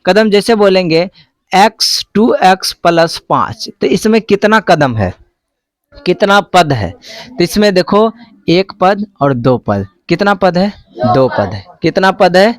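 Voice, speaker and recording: A man's voice: sits high, animated, slow, no echo. A male teacher, giving a classroom math lesson and quizzing students with repeated questions. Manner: call-and-response questioning, repeats answers.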